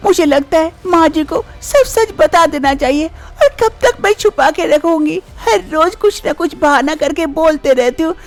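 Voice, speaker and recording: A woman voicing a devoted, caring young wife in an animated story, earnest and reassuring. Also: extremely high pitch, measured pace, hardly any pauses.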